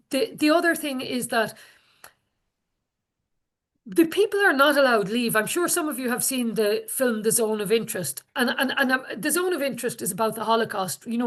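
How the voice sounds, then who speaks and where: A woman's voice: a little high, fairly bright tone. A woman with a west of Ireland accent giving an informal public talk as an activist, earnest and repeating phrases for emphasis. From Galway, west of Ireland. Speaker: activist speaker.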